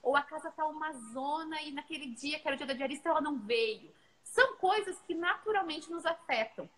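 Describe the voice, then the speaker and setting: A woman's voice: sits high, a little fast, low-quality recording. A woman in her thirties, a mother, chatting earnestly about parenting and telling stories from home. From Brazil. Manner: earnest, animated storytelling. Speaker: mother and co-host. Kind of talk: casual parenting chat.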